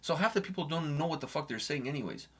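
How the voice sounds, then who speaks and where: Middle-aged guy cohosting a chill podcast, high voice, swears a lot, lots of "i, i, i" restarts. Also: lively intonation, fast talker, fairly bright tone, slightly rough. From Portugal. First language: Portuguese. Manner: stammering restarts, frequent swearing. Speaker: co-host. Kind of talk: casual podcast banter.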